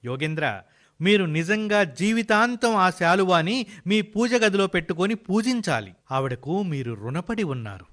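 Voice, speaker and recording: A man's voice: high-pitched, animated, moderate pace, a bit bright. A man playing a kind hospital doctor who explains things earnestly.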